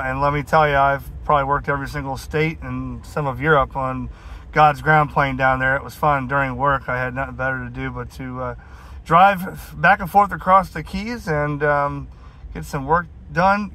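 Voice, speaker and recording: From inside a vehicle on a highway, a man calls in over CB radio, chatting casually in slangy radio lingo. His mid-range voice is steady, pushed and bright, at a normal speed, and the sound comes through as CB radio audio.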